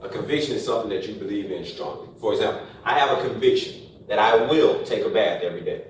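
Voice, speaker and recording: A man's voice: lowish voice, lively intonation, fast talker. A man giving a joking motivational talk to college students in a classroom, tossing out rhetorical "right?" questions. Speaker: speaker addressing college students. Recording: very echoey room from a distance, faint noise.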